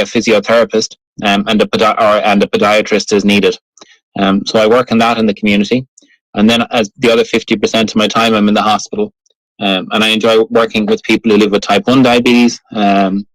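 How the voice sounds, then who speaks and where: A man with a west of Ireland accent, speaking as an interview guest in a measured, modest way. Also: fairly low pitch, no room sound, poor audio. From Galway, west of Ireland. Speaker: guest speaker, hospital and community diabetes doctor. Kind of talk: interview conversation.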